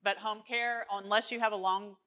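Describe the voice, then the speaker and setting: Bright-voiced woman host summing up. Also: mid-range voice, steady tone, moderate pace, poor audio. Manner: reflective, summarizes and clarifies points. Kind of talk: casual panel discussion.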